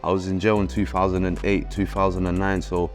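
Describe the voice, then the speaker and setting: A deep, low-pitched man in his thirties with a South London accent recounts his past in an easygoing, slang-filled way. His tone stays reflective and unhurried. A faint music bed plays underneath. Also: little pitch movement. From London, England. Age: 30s. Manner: laid-back, slang-heavy, reflective. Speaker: rapper interviewee. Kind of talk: casual interview storytelling.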